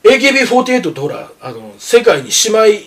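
An older man chatting casually on a radio talk show about horse racing, gruff and teasing, lecturing his co-host with animated tangents. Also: high-pitched, rapid-fire.

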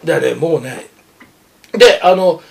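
Lively older man, gruff and lecturing. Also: fairly high pitch, unhurried. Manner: gruff, lecturing and teasing, animated storyteller. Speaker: horse racing pundit. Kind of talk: casual radio chat.

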